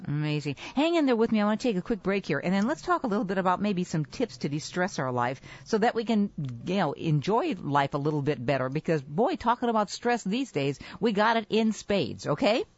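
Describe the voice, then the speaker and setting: A woman's voice: mid-range voice, big pitch swings, fairly quick, hardly any pauses, no room sound, lo-fi sound. A woman hosting a radio health interview, asking chatty, conversational questions. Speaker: radio show host.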